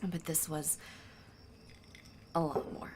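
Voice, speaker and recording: In an audio drama, an actress plays a lovelorn, sardonic diplomat who speaks conversationally yet hesitantly, correcting herself as she goes, sounding hurt and subdued. Her voice is deep and level, she takes her time, and there's background noise.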